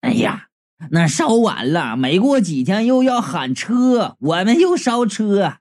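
A man's voice: high voice, sing-song, a little slow, a little mellow. A man voicing a group of indignant, gossipy middle-aged aunties at a matchmaking agency. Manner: complaining, gossipy.

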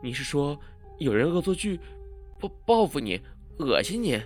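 A man voicing a frightened, hesitant young man in a storybook tale, speaking in a hushed and halting way. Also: on the high side, very animated, faint music behind. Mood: anxious.

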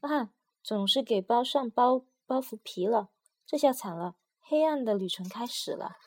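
A woman's voice: on the high side, lively intonation, moderate pace. A woman doing a hot-tempered little pill-box boy. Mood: gloomy.

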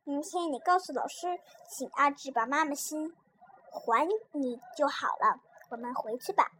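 A woman voicing a gentle mother who speaks softly and soothingly to her young son. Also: sits high, normal speed, slight background noise. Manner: soft and soothing.

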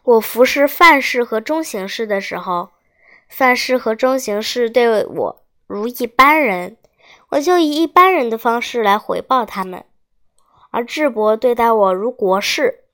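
A woman's voice: on the high side, expressive, unhurried, a bit bright. A woman voicing a proud, grieving male retainer with a solemn, resolute manner in a storybook tale. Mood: solemn resolve.

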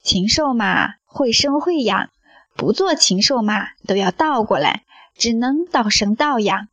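Playful young disciple, soft muttering, slow, dry, as a woman narrator reads him. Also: a little high, expressive, slightly rough, dry recording, heavily acted. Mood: musing.

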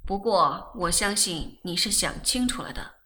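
A woman voicing a reserved, aloof older brother who speaks low and measured. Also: animated, sharp tone. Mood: grave.

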